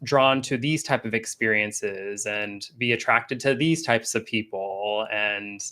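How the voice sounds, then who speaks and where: A man speaking as a guest coach in a casual live-stream interview, relaxed, with many fillers and restarts. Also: on the low side, slow. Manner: laughs often. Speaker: guest coach and energy healer.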